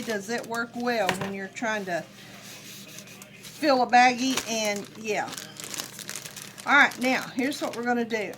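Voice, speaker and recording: Folksy, higher-voiced woman. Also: background noise. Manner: folksy, chatty, addressing viewers. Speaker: home cook vlogger. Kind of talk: casual cooking demonstration chat.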